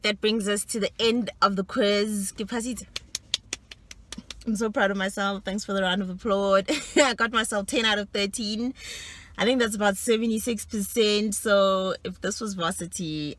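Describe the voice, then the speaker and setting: A woman's voice: mid-range voice, fairly even intonation, normal speed, a bit bright. A woman, chatting casually and teasing herself as she works through a quiz for her own video, laughing often between answers. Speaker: vlogger quizzing herself.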